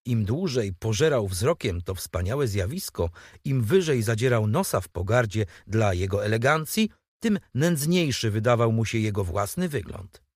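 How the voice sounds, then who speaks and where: A man's voice: fairly low pitch, moderate pace, slightly rough, no echo, studio quality. Man narrating a storybook expressively. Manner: expressive, animated reading. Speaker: audiobook narrator.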